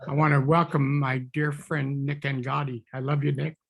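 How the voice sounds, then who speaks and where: A man's voice: medium pitch, little pitch movement, moderate pace, vocal fry, a bit bright, slight background noise. A man who is a minister, leading a closing prayer in an earnest, flowing way.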